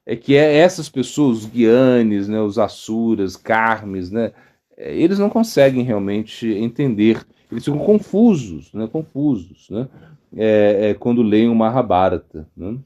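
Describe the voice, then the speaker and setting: A man with a Brazilian Portuguese accent, a monk giving an informal devotional talk, halting often with fillers and tag questions. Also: on the low side, expressive, mellow. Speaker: monk teaching a devotional lecture.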